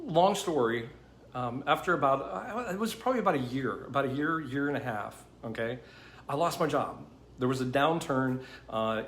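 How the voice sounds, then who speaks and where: A man hosting a storytime talk, chatty and repetitive, often checking in with "okay?". His voice sits at a middling pitch. The sound is roomy, with a faint hum behind him. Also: a bit bright. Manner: conversational, repetitive, with frequent "you know" and "okay?". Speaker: host. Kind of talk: storytime monologue. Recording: roomy with faint background noise.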